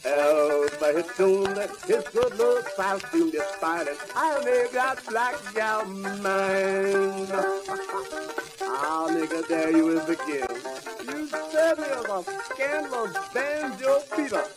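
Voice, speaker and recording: A man's voice: high voice, animated, takes it slowly, loud music behind the voice. A man performing a comic stage song with spoken patter, heard on a scratchy old wax cylinder recording. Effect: scratchy 1890s wax cylinder recording.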